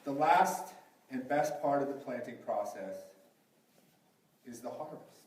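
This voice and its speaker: A man's voice: medium pitch, animated, a little slow. A man preaching a sermon at a pulpit microphone, asking the congregation question after question. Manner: asks the congregation rhetorical questions. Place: large echoey church hall. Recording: very echoey, from a distance.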